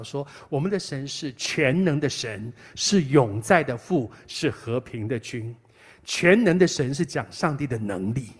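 Animated middle-aged male pastor preaching. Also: mid-range voice, slightly rough. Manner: animated, emphatic, repeats phrases. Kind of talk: sermon.

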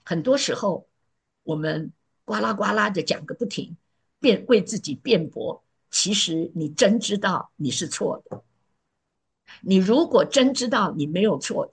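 A woman preaching a sermon with earnest emphasis. Her voice is very husky and breathy, and her pitch sits in the middle. She often sinks to a soft, pleading tone.

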